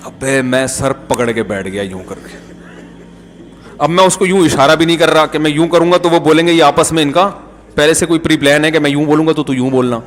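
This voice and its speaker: Middle-aged Pakistani Urdu-accented male preacher, anecdotal and jokey, fairly high voice, long hall reverb. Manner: jokey storytelling, acts out dialogue. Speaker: Islamic preacher. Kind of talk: conversational sermon with anecdotes.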